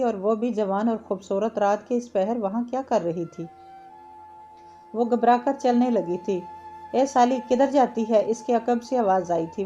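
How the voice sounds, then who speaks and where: Mellow woman reading a novel aloud. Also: medium pitch, muffled recording. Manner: steady, slightly halting reading with small slips. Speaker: story reader.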